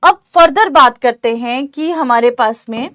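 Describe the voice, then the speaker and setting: High-voiced woman teaching an online class. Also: measured pace, a bit bright. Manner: reassuring, repeats "theek hai" to check understanding. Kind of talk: online exam-prep lecture.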